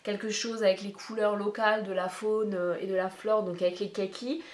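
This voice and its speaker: A woman with a medium-pitched, steady voice chats at normal speed in a casual makeup tag vlog. She rambles from point to point at length, speaking right to her viewers, and the recording echoes roomily.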